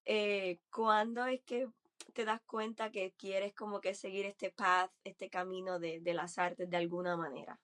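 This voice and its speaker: A woman's voice: medium pitch, level tone, unhurried, a bit bright. A woman with a Puerto Rican Caribbean Spanish accent, hosting a conversational podcast interview in an informal way. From Puerto Rico. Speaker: podcast host.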